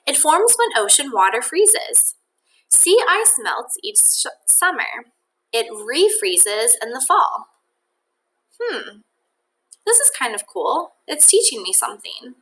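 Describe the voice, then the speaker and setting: Reading a nonfiction picture book to children, a female teacher speaks in a high-pitched voice, expressive and deliberate, and thinks aloud to her young listeners along the way. The audio quality is low.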